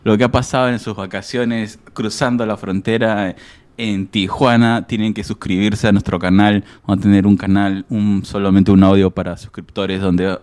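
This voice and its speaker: A man's voice: on the low side, level tone, a little mellow. A man, hosting a casual podcast chat and teasing his co-host. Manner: joking, quick to tease.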